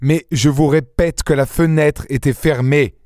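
A man's voice: mid-range voice, normal speed, darkish tone, no echo, voice pushed up, lightly acted. Brief: male reader playing an irritable, scoffing nobleman in an audiobook, mid-range voice, dry studio sound. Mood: impatient. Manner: impatient, scoffing. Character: impatient, irritable aristocratic count, sneering.

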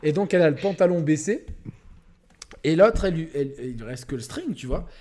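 Rambling, slightly high-voiced young man. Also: brisk. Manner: crude, rambling, animated with many fillers. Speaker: podcast co-host. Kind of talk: casual storytelling chat.

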